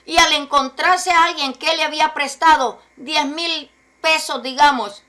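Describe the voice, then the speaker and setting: A woman's voice: high-pitched, steady tone, measured pace, bright, forceful tone. A woman preaching a sermon, emphatic and asking many rhetorical questions.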